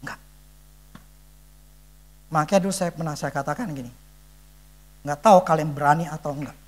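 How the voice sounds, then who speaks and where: A father giving an earnest church testimony in a conversational sermon style, emphatic and often pausing to search for words. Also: a little high.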